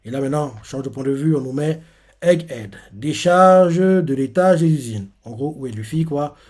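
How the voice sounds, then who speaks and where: A man hosts a casual live reaction to a manga chapter, retelling scenes in a loose, rambling way. His voice sits a little above an ordinary man's pitch. His talk is full of fillers and restarts as he searches for words. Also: animated, moderate pace, a little mellow.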